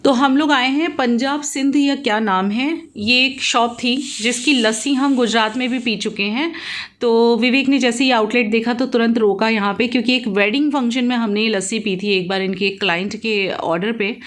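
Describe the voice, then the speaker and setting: With soft music in the background, a woman in her thirties vlogs her day to the camera at a moderate pace, her voice a little high. She mixes English words into her Hindi as she speaks into a handheld phone, first indoors at a resort, later outdoors on a scooter.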